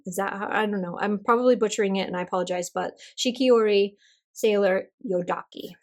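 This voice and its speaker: A woman who makes stationery videos talks briskly through an ink swatching session at her desk. She's relaxed and self-deprecating, and her mid-range voice carries a slight hoarseness from a cold.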